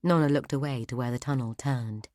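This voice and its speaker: Low-voiced woman reading an audiobook. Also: dry recording, studio quality. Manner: steady, measured reading. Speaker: audiobook narrator. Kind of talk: scripted narration.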